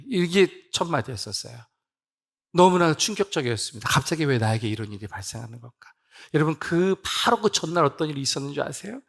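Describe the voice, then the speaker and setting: A man's voice: medium pitch, vocal fry, fairly bright tone. A middle-aged man, a missionary, preaching a revival sermon and telling an emotional personal story, acting out the dialogue. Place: church sanctuary.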